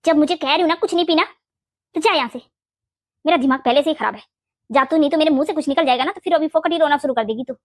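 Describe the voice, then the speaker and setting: A woman voicing a fiercely protective, sharp-tongued older mother-in-law in a Hindi cartoon, blunt and bossy. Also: high-pitched, fairly even intonation, moderate pace, pauses often, no echo, studio quality, lightly acted. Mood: irritated. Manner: blunt, scolding, makes boastful vows.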